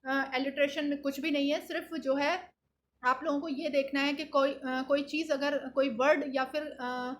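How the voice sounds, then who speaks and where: High-voiced Indian woman teaching. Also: fairly even intonation, a little hiss or hum. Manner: explains in Hindi with English terms, many "uh" fillers; reads English examples slowly. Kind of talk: exam-prep lesson.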